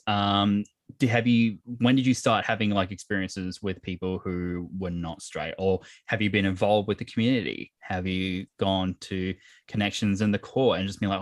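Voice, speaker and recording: A man's voice: fairly low pitch, no room sound. Man, podcast host, casual, laughs a lot, dry close sound. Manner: chatty, laughs often, many fillers. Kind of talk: casual interview chat.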